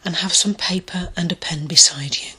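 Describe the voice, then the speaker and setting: A woman leading a guided meditation in a soft, soothing voice that often drops to a breathy near-whisper. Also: fairly low pitch, normal speed, poor audio. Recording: clear music bed behind the voice.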